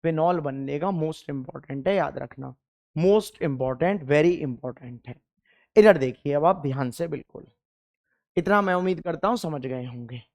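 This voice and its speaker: A man's voice: fairly high pitch, measured pace, vocal fry, a little mellow. A young man teaching chemistry in an exam-focused lecture, emphatic, repeating key points and firing questions at the class.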